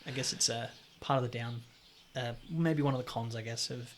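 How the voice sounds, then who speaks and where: A man, a podcast guest telling stories in a blunt, sweary and animated way. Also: medium pitch, a little fast, a little hiss or hum. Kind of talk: casual chat.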